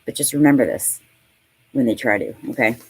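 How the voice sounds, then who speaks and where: A woman's voice: very deep voice, fairly quick, noisy background. A woman in her thirties giving a casual tarot reading, chatty and profane, laughing often and talking with plenty of fillers. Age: 30s. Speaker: tarot reader.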